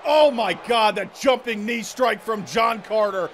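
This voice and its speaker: A man's voice: sits high, unhurried, a bit bright, slight background noise. A man calling wrestling play-by-play in a dramatic, exclamatory style of match commentary.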